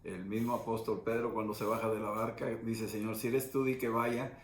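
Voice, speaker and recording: A middle-aged man pastor, teaching in a steady, explanatory conversational sermon. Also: on the low side, normal speed. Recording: echoey room with faint noise.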